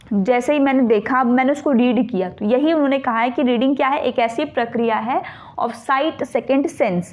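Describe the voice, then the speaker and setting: A woman teaching an exam-prep lesson. She reads English definitions slowly in an Indian accent and explains them quickly, asking questions and then answering them herself. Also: high voice, darkish tone. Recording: dull lo-fi audio.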